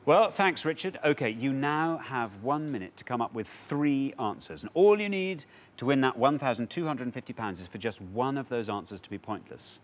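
A man with an English accent hosting a studio quiz show, announcing rules and scores in a brisk, upbeat way. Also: mid-range voice, lively intonation. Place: television studio.

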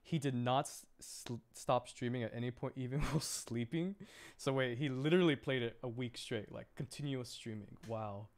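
This game streamer is a man with a medium-pitched voice who talks at a moderate pace. He chats casually with his viewers, rambling and often saying things twice as he reacts to them.

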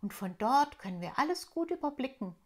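A woman reading aloud, voicing a friendly, wise male water drop from a children's storybook in a raised, bright voice. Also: high voice, very animated, fairly quick, pitched above the performer's own voice.

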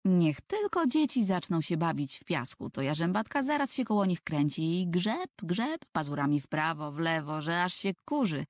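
A woman's voice: lowish voice, lively intonation, moderate pace, hardly any pauses, dry recording, clean studio sound. A woman narrating a children's book for an audiobook, telling the story expressively.

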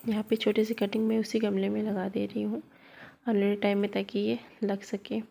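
Speaking fairly quickly with a flat delivery, this woman has a medium-pitched, dark voice with vocal fry. She films on a handheld phone while planting cuttings at home, chatting to her viewers like friends in a relaxed gardening walkthrough.

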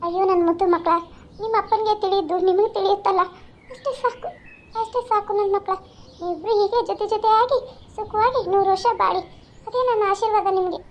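A woman's voice: very high voice, fairly quick. A woman voicing a caring village mother in a cartoon, who pleads and protests on her daughter's behalf. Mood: tender. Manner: pleading, indignant. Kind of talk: cartoon voice acting. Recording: slightly dull lo-fi sound.

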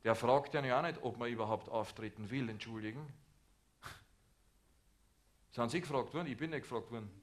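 A man's voice: medium pitch, moderate pace, long pauses. A man with an Austrian accent performing a sarcastic satirical monologue on a cabaret stage, ranting at the audience. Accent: Austrian German. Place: theater stage.

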